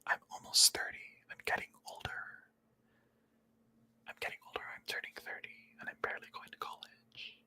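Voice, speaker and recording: A man in his late twenties voicing a mock-gloomy young ASMR whisperer in whispered role-play, breathy and deadpan. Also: normal speed. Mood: mock dread. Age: late 20s.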